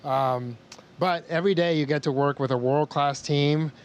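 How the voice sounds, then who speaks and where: A man's voice: fairly high pitch, normal speed. An American man speaking as an astronaut in a formal space-to-ground communication style. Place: inside a space station. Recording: faint noise on space-to-ground link.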